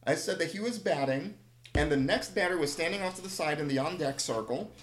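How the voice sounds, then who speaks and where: A man's voice: fairly high pitch, expressive, a little fast. A man casually telling rambling, humorous anecdotes with a self-deprecating touch. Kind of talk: casual chat, storytelling. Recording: echoey room.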